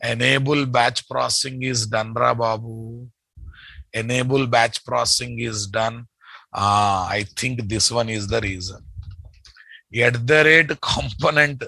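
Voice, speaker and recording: A man's voice: mid-range voice, steady tone, slow, creaky, pushed and bright, breathy edge, no echo, low-quality recording. A man with a Telugu Indian English accent teaches programming live, thinking aloud, repeating phrases and checking with his students through short questions and tags. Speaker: programming instructor.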